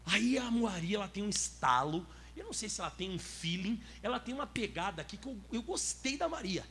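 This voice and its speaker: A man with a Brazilian Portuguese accent preaching a sermon as pastor, lively and asking the audience questions. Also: high-pitched, fairly quick, husky.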